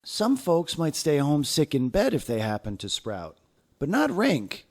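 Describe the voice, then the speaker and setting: His voice on the high side, a man reads from a children's picture book with deliberate, expressive storytelling.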